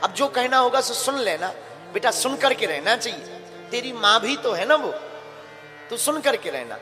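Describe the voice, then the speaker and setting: A male preacher voicing a poor, anxious village mother who speaks softly and pleadingly, in an echoey hall with music behind. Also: very high-pitched, very animated, moderate pace, full character voice. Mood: insistent.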